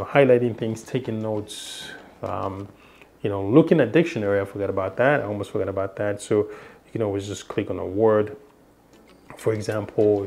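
A young tech reviewer, not a native English speaker, casually shows off a device's features in a small indoor room, rambling with lots of fillers and restarts. His voice sits on the low side with a dark tone, and there's a little hiss or hum.

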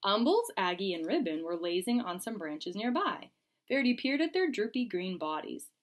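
A teacher reading a picture book to children, her voice rising and falling a great deal. She sits at a middle pitch and reads in an expressive storybook manner. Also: normal speed. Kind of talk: storybook read-aloud.

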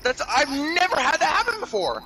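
A British man chatting casually with a teammate while gaming, defending himself and getting excited. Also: extremely high pitch, a little fast, music in the background, low-quality recording.

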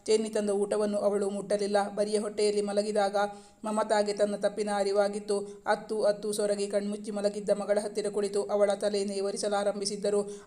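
Woman storyteller, serialized story, monotone and level throughout. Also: medium pitch. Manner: flat, even reading.

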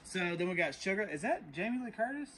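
High-pitched and fairly quick with big pitch swings, a Texas man vlogs casually about reselling storage units, chatting to y'all outdoors at the unit and then inside his truck. Crowd noise and faint background noise can be heard.

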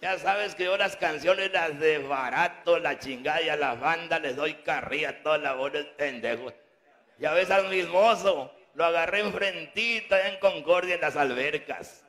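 A man doing raunchy live stand-up, loudly teasing the audience with crude jokes. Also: fairly high pitch, normal speed. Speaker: live comedian.

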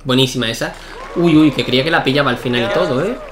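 A young man giving excitable live commentary while playing a tennis video game, shouting at key points. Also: mid-range voice, quick pace, noisy background. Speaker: gaming YouTuber.

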